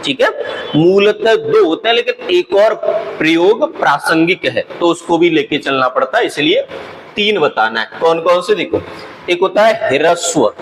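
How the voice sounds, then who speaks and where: Male teacher, raised pitch, quizzes and answers himself, faint hiss under the voice. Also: fairly bright tone, low-quality recording. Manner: explains patiently, asks and answers his own questions. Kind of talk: exam-prep grammar lesson.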